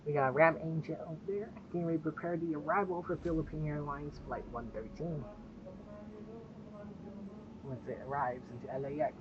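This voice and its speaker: A woman's voice: low-pitched, fairly even intonation, normal speed, noisy background. A woman giving casual live commentary as a plane-spotting vlogger. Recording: dull lo-fi audio, music behind.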